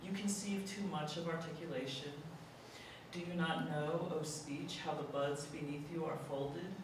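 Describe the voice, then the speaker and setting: Poetry reader, deliberate and expressive, slow pace, distant mic, clear room noise. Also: medium pitch. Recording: echoey hall, mic far off, audible room noise.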